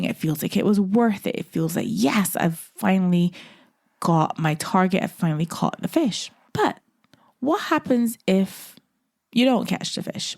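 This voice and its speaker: Woman, solo podcast host, lowish voice, dry close sound. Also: a little mellow, dry recording. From Barbados. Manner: reflective, repeats phrases, drops to a whisper for emphasis.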